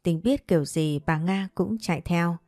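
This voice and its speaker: A woman narrating a first-person story in a steady, dramatic manner. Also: lowish voice, moderate pace, no echo, studio quality.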